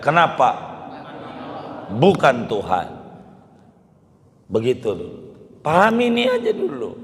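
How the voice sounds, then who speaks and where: A hoarse man preaching, quizzing his listeners and repeating key phrases. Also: mid-range voice. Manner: repeats phrases, quizzes listeners, colloquial Betawi-flavored Indonesian. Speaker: Islamic preacher. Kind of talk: lecture sermon with questions to the audience. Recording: long hall reverb.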